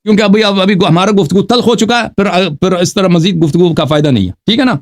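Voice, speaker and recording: A man hosting a live debate show, emphatic and repetitive, talking over his opponent in a heated exchange. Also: high-pitched. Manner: emphatic, repeats himself, talks over the caller.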